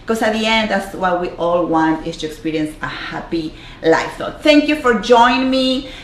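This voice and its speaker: Speaking at a normal, animated pace in a mid-range voice, a life coach from Argentina, heavily accented in Argentine Spanish, earnestly motivates her Facebook Live audience while repeating words and using many fillers. The camera mic gives poor, reverberant audio with a little background noise.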